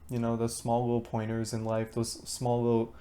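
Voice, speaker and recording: A man's voice: mid-range voice, monotone, normal speed, warm tone. A teenage boy talking to a camera for his diary vlog, rambling with many fillers and restarts. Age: teens. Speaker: student vlogger. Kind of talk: diary-style talk to camera.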